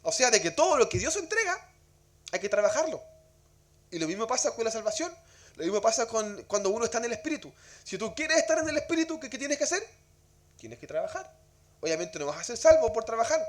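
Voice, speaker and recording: A man's voice: sits high, sing-song, fairly quick. A man teaching a church Bible class in a conversational way, asking rhetorical questions and often repeating words as he goes.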